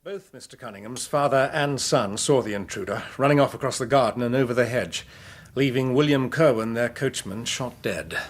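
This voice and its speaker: An actor plays a young male police inspector in a radio drama. His voice is mid-pitched. He is eager, deferential and methodical, giving his reports with polite respect. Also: moderate pace, close to an everyday voice. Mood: earnest reporting.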